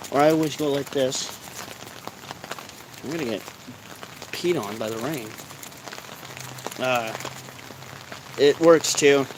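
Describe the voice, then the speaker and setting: A stoned man with a mid-pitched voice rambles casually to his viewers. He is laid-back and meandering in how he talks. He is recorded outdoors, with a faint noise of rain behind him. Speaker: vlogger. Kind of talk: casual rambling chat to camera. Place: outdoors in rainy, cold weather. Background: light rain.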